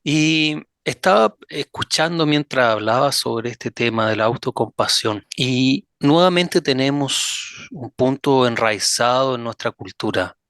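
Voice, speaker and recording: A man's voice: mid-range voice, unhurried, hardly any pauses, a bit bright, no room sound. Man hosting a friendly chat, dry sound. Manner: friendly, reflective, thinks aloud. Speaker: host. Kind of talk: casual interview chat.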